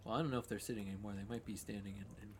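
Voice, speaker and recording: A young man narrating a tabletop game as game master, casual and halting. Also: fairly low pitch, fairly even intonation, slight background noise. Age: young adult. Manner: casual, halting, with many fillers.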